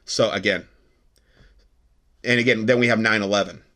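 A man's voice: lowish voice, steady tone, moderate pace, pushed and bright. An American man hosting an alert talk show, reading news reports and breaking into paranoid, conspiratorial rants. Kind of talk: reading news reports with off-the-cuff ranting commentary.

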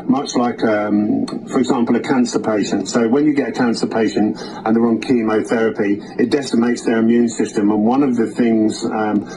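A man, a funeral director, giving a spoken video update in a hesitant way with many ums, heard through low-quality streamed video audio. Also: fairly even intonation, normal speed, few pauses, over music. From United Kingdom.

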